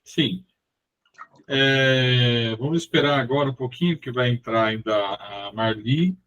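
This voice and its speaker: A man's voice: mid-range voice, a little slow, fairly bright tone, muffled recording. A man coordinating a study-group meeting on a video call, friendly and brief. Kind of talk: casual chat, organizing a meeting.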